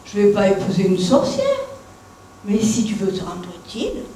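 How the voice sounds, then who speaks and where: A woman's voice: mid-range voice, lively intonation, moderate pace, mellow, a little hiss or hum, lightly acted. A woman reading as a patient old Father Christmas. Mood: firm. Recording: echoey room.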